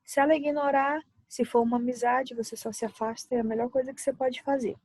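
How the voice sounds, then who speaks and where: A woman's voice: sits high, fairly even intonation, quick pace, darkish tone, slightly rough, no room sound. A woman giving psychological support advice in a casual talk, speaking into a laptop on her lap at home, friendly and explaining with everyday examples.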